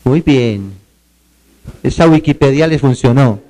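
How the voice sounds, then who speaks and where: A man giving a pedagogy seminar lecture, quizzing the audience and spelling words out slowly. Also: medium pitch, mellow, a little hiss or hum, poor audio.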